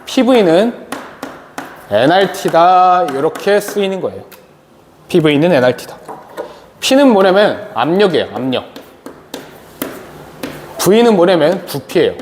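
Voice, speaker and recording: A man's voice: high-pitched, sing-song, a little slow, pauses often. A man teaching a chemistry lecture, asking questions and answering them himself. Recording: long reverb, faint noise.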